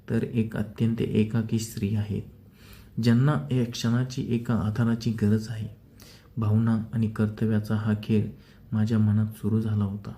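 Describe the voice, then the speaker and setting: A man narrating a first-person story in a measured, steady reading style. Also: on the low side.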